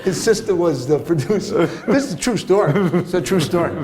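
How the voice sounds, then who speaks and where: A man, an actor giving a master class, telling anecdotes in an animated, laughing way with many fillers. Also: sits high, a little fast, a crowd in the background. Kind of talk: anecdotal storytelling interview. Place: festival venue hall. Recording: roomy hall, faint ambience.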